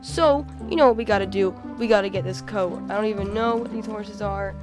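A young woman hosting a gaming channel narrates her gameplay with a cold, her voice hoarse and worn. She's excitable and casual, saying "oh my god" and "like" a lot, speaking briskly in a mid-range voice while soft game music plays faintly below.

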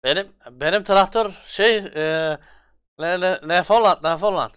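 Smooth, dry-sounding man in game roleplay. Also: sits high, measured pace, fairly bright tone, no echo. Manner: jokey, teasing, calls out to his friend. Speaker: channel host and player in a roleplay. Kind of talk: casual game roleplay over voice chat.

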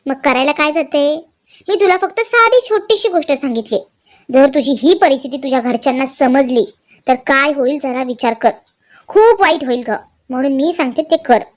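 A woman's voice: high-pitched, moderate pace, lightly acted. A woman voicing a scheming, domineering older matriarch who coaxes and threatens in a dramatized story reading. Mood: menacing. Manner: coaxing, menacing, emotionally blackmailing. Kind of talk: dramatized serial recap reading.

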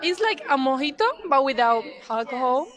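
A woman's voice: high voice, animated, moderate pace, fairly bright tone. A young woman from Cuba chatting cheerfully about drinks in a restaurant. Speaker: pageant contestant. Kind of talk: casual vlog chat. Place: busy restaurant indoors. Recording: crowded restaurant chatter behind.

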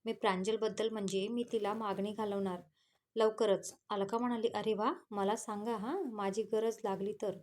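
A woman's voice: mid-range voice, level tone, normal speed, a little mellow, slight background noise. A woman with a Marathi accent reading a romance story aloud, voicing every character's lines in her own voice between plain narration tags.

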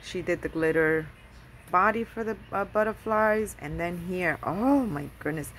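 A woman vlogger gushing over handmade craft gifts in a casual show-and-tell, excitable and full of fillers. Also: lowish voice, a little slow, a little hiss or hum.

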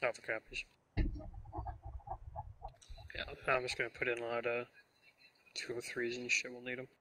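A man with a bright, mid-pitched voice talks casually in an online game. He speaks in loose, informal voice-chat phrases. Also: completely flat delivery, moderate pace, a little hiss or hum, rough recording.

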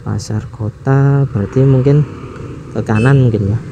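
A motovlog host rides through city traffic, narrating casually in a steady, mellow, mid-range voice. Taking it slow, he chuckles and thinks aloud about where to go, with traffic and engine sounds in the background.

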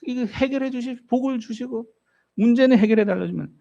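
A man's voice: very high-pitched, brisk, gravelly, warm tone, muffled recording. A male pastor preaching a sermon, telling the story vividly and putting rhetorical questions to the congregation. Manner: storytelling, acts out voices in the story.

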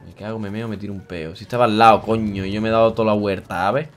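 A man's voice: lowish voice, steady tone, fast talker, soft background music. Crude, jokey Spanish streamer man. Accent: Spain. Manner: crude, jokey, chanting a vulgar singsong rhyme. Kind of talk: casual gameplay commentary.

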